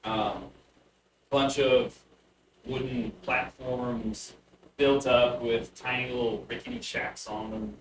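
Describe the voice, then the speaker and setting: A man improvising narration as the game master of a tabletop game, with casual, halting descriptions. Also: mid-range voice. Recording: roomy, distant mic with faint noise.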